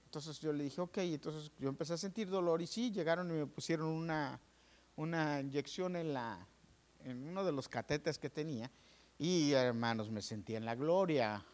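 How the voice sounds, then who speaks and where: A pastor gives his testimony from the pulpit, slightly higher-pitched than most men. He tells it with lively swings, acting out the doctors and nurses and turning to his listeners as brothers. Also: normal speed. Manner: animated storytelling, addresses listeners as brothers; acts out dialogue with doctors and nurses. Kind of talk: sermon testimony.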